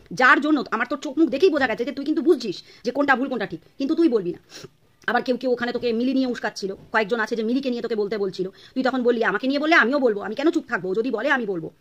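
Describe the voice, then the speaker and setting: Fast, scolding woman vlogger. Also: fairly high pitch, a bit bright, lo-fi sound. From Bangladesh. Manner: scolding, insulting, rapid-fire. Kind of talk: angry rant to camera.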